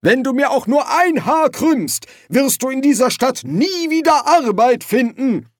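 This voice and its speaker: A man doing a shrill, indignant businessman. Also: expressive, measured pace, no room sound, clean studio sound. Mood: furious. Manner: shrill and outraged. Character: indignant, hot-tempered male businessman.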